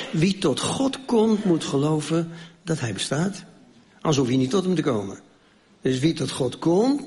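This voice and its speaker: Man preaching with a raised voice. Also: a little high. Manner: storytelling, rhetorical questions, swings between raised and hushed. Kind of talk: sermon with Bible reading.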